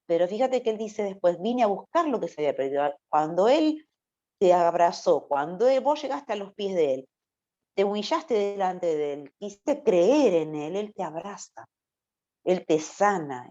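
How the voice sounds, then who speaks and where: A woman's voice: medium pitch, warm tone. A woman with a River Plate Spanish accent preaching a conversational sermon to young people in a church, often stopping to ask "¿no?". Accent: Rioplatense Spanish. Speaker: youth preacher. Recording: dull lo-fi recording.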